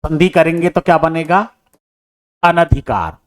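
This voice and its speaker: A man's voice: fairly high pitch, expressive, unhurried. A man explaining exam answers step by step. He asks questions and answers them himself, and he calls his students brother. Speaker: teacher solving an exam paper. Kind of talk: exam answer-key lesson.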